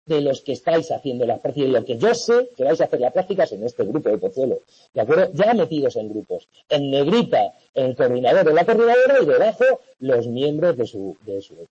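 A man's voice: a little high, warm tone, breathy edge, highs cut off. A man from tutoring an online university class, explaining coursework patiently and checking often that students follow. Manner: patient, repetitive, frequent "¿vale?" checks.

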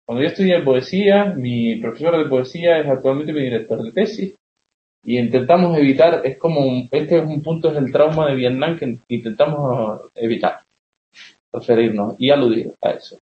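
A man's voice: medium pitch, moderate pace. Man lecturing in a roomy classroom. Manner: explanatory, keeps checking with questions. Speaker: literature teacher. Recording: roomy, dull classroom recording.

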